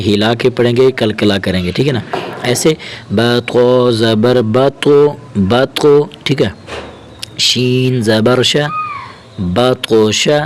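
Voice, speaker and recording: A man's voice: mid-range voice, a little hiss or hum. Patient man teaching letter by letter. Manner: slow, patient spelling-out of letters, often checking "ٹھیک ہے؟". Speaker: Quran reading teacher. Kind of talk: step-by-step Quran reading lesson.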